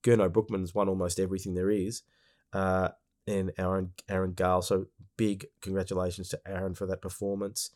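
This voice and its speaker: A man's voice: deep voice, little pitch movement, fairly quick, a little mellow. A man with an Australian accent, hosting a podcast in a casual monologue while congested with a cold. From Melbourne, Australia. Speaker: podcast host.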